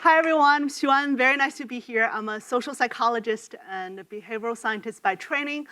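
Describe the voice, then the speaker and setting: A woman giving a prepared conference pitch as a scientist, with emphatic, list-like phrasing. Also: fairly quick, sharp tone, a little hiss or hum. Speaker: behavioral scientist presenter.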